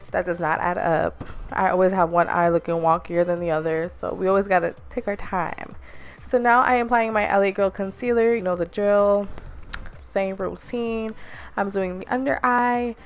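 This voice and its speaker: Young woman chatting thru a makeup tutorial, mid pitch, easygoing, bit of music behind. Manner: chatty, instructive, self-deprecating. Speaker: beauty vlogger.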